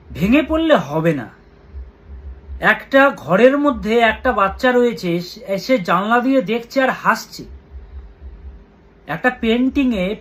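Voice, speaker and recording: A man with a Bengali accent, an astrologer giving earnest weekly horoscope advice and slowly chanting mantras. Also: extremely high pitch, fairly bright tone.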